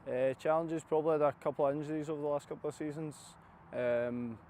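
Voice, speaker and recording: A man's voice: fairly high pitch, steady tone, fast, dark tone. A man answering interview questions as a newly signed footballer. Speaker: footballer, new signing. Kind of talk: post-signing interview. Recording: faint outdoor background noise.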